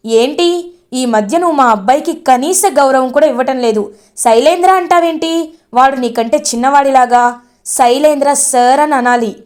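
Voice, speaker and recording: A woman's voice: sits high, moderate pace, darkish tone, natural voice. A woman playing a haughty scheming mother. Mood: scornful. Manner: scolding, arrogant.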